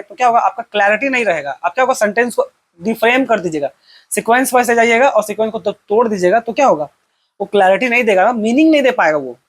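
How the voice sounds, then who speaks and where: Chatty male teacher explaining exam topics. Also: sits high. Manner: conversational, poses rhetorical questions and answers them; mixes English terms into Hindi explanations. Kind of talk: exam-prep lecture.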